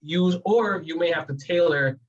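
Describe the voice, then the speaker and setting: A man's voice: fairly high pitch, normal speed, distant mic, muffled recording. Laughing New Yorker man, off-mic. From New York. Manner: laughs often, animated and talkative. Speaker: real estate agent co-host. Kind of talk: casual training chat.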